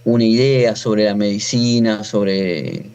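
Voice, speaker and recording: This Buenos Aires native, a natural farmer in his forties, talks with a fairly low, steady, smooth voice that has a darkish tone and a slow pace. As an interview guest he recounts his own story casually in an Argentine accent, frequently stopping mid-thought and rewording things.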